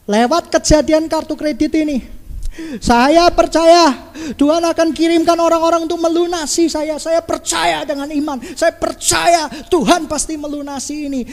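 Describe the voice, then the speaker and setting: A man's voice: very high-pitched, steady tone, normal speed, big-room sound, pitched above the performer's own voice. A man preaching, voicing a presumptuous believer in credit card debt who insists others will pay it off. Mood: insistent.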